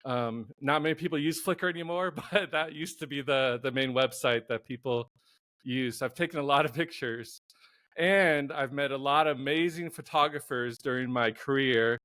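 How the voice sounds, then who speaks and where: A man hosting his own interview podcast in a relaxed, casual way, with frequent chuckles and filler words. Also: medium pitch, normal speed, dry recording, studio quality. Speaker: podcast host and photographer.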